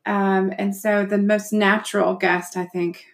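A woman's voice: mid-range voice, flat delivery, unhurried. A woman hosting a casual podcast chat, with a playful, joking manner. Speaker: podcast host.

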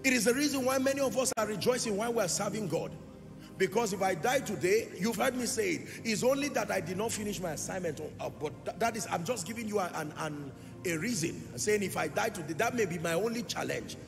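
A man preaching a sermon to a congregation in a large church. His delivery swells into sing-song phrases and sudden loud rises, and he keeps asking the congregation questions. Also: high-pitched, lively intonation, fast, vocal fry. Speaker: pastor. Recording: long hall reverb with music behind.

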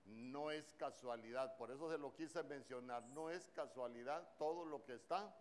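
A man's voice: mid-range voice, normal speed. A man preaching a sermon in a church, with a Honduran Spanish accent, throwing questions at the congregation.

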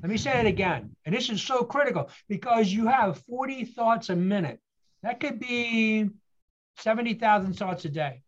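A man with a high-pitched voice tells his story with earnest, motivational emphasis. He leans on rhetorical questions and repeats key phrases. The recording is dull and lo-fi. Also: animated, moderate pace. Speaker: guest speaker.

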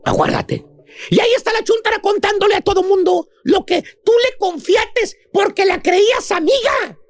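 A squeaky, sky-high comic professor on a radio comedy show, shrieking his lines with theatrical scorn and mimicking gossipy women. The sound is dry and close, with no room around it. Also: normal speed, no room sound. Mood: mocking. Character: shrill mocking gossip-hating male professor.

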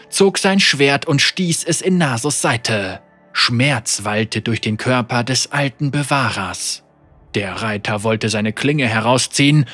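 Man narrating a dark fantasy story. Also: medium pitch, husky. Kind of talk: dramatic audiobook narration.

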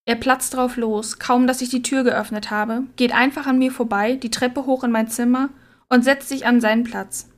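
A woman narrating a story in a quiet, subdued reading voice. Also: on the high side, fairly even intonation, normal speed. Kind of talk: scripted audiobook narration.

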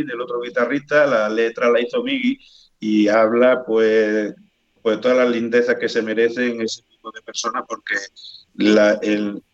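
A man's voice: mid-range voice, highs cut off. A man from El Bierzo in Spain with a Spanish accent, a rock guitarist telling stories as a guest in a casual interview, often restarting his sentences. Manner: animated storytelling, frequent restarts.

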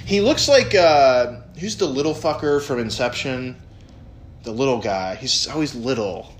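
A man's voice: mid-range voice, animated, unhurried, a little hiss or hum. A man co-hosting a casual chat about a TV show, rambling and laughing as he goes. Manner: chatty, laughing, rambling asides. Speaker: podcast co-host.

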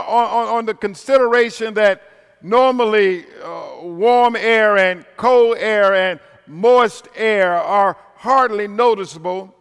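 A man's voice: sits high, clear, resonant tone. An older man with an American accent preaching a sermon as a guest at a Sunday service, addressing the congregation directly in a folksy, emphatic way. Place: large indoor worship space. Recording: reverberant hall sound.

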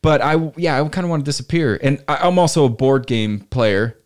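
A man's voice: medium pitch, expressive, brisk. A man hosting a podcast in casual chat, presenting trivia and games to his co-hosts. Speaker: podcast host.

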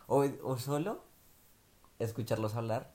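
A young man, co-hosting a vlog in relaxed, rambling casual chat full of fillers. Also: mid-range voice, unhurried. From Colombia. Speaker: vlog co-host.

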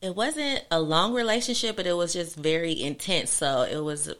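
A woman's voice: lowish voice, moderate pace, fairly bright tone. A woman in her late thirties talking bluntly and laughing often in a casual chat. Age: 30s. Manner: brash, laughing, blunt storyteller. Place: Inglewood area.

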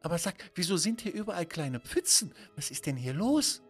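Man doing a little kid girl voice, wide-eyed and eager, squeaky high. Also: big pitch swings, normal speed, faint music behind. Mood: cheerful. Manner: eager and wondering. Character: curious, brave little girl of five.

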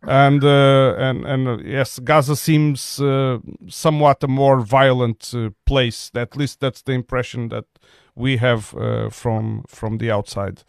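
A man's voice: mid-range voice, steady tone, measured pace, vocal fry, smooth, no echo. Hesitant interviewer man, dry sound. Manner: hesitant, many fillers, polite. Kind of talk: remote interview. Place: home.

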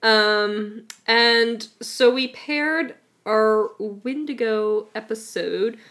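A woman with a slightly high voice hosts a podcast from her home. She talks in a casual, blunt and bossy way, swearing freely. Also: extremely slow, fairly bright tone. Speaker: podcast host. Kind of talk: casual chat.

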